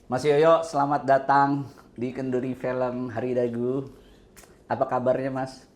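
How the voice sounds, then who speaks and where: A man's voice: medium pitch, flat delivery, a little slow, darkish tone. A man from Indonesia hosting a podcast, chatting casually and teasing his guest playfully. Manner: teasing, playful, laughs often. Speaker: podcast host. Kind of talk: casual interview chat.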